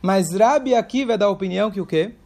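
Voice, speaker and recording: Male religious teacher, high-pitched, explanatory, rhetorical questions. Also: quick pace, vocal fry, darkish tone. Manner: explains step by step, asks questions aloud. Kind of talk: Torah class.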